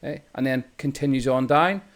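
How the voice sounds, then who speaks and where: A man's voice: medium pitch, brisk. A man with an Irish accent, walking through a chart tutorial as a trading instructor in a loose, explanatory way, often correcting himself mid-sentence. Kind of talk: screen-recorded chart tutorial.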